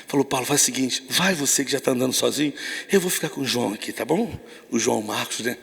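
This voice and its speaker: Man, Brazilian accent, husky, fiery preaching, long hall reverb. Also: mid-range voice, quick pace, fairly bright tone. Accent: Brazilian Portuguese. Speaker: youth preacher. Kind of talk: lively evangelical sermon.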